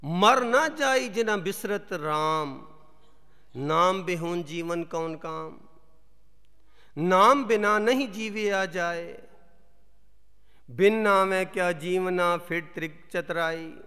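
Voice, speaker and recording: A man giving a sermon, reciting scripture verses in a slow chant and explaining them between the verses. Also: high voice, sharp tone, clear, resonant tone. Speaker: Sikh preacher. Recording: long hall reverb.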